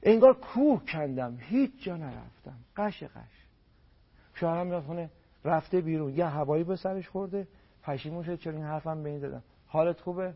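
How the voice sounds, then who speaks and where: Man, family counselor, husky voice, emphatic, repeats words, dull radio sound. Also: a little high, expressive. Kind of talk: radio advice talk.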